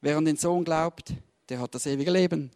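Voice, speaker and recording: A man's voice: on the high side, normal speed, darkish tone. A man preaching and teaching from the Bible, emphatic and repeating his key words while speaking straight to his listeners. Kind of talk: fervent sermon with Bible reading.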